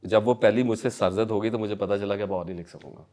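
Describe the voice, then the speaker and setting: A middle-aged man, a podcast guest who tells animated stories and acts out the voices of the people in them. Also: on the low side. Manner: animated storyteller, acts out quoted voices, mixes in English and Punjabi. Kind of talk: casual storytelling interview.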